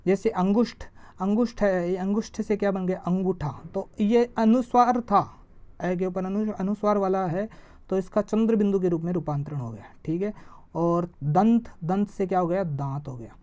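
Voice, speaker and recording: A woman teaching an exam-prep grammar lesson. She asks a question and answers it herself, and she draws vowel sounds out slowly to show them. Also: medium pitch, dark tone. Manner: stretches vowels slowly when demonstrating sounds.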